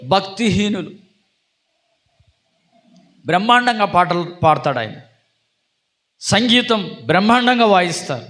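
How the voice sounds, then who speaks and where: A man's voice: high-pitched, expressive, a little slow, long pauses, a bit bright. A man preaching a sermon to a church congregation, calling on them for responses and teasing them playfully. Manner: teasing, jokes with listeners. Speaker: pastor.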